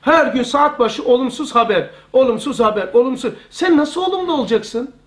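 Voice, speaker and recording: Man, very high-pitched voice, religious study lecture, conversational, repeats phrases for emphasis, live circle of listeners. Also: a little fast.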